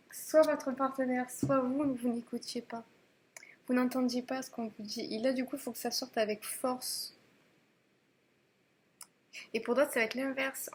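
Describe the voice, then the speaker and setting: A woman's voice: a little high, noisy background. A woman giving a casual tarot reading to camera, chatty and hesitant, with many fillers and restarts. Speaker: tarot reader.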